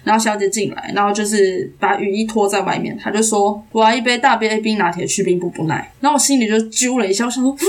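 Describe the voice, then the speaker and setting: A young Taiwanese woman, an actress guest on a podcast, telling a story in a casual, animated way and acting out the dialogue. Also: mid-range voice, quick pace, hardly any pauses. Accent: Taiwanese Mandarin. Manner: animated, acts out quoted dialogue.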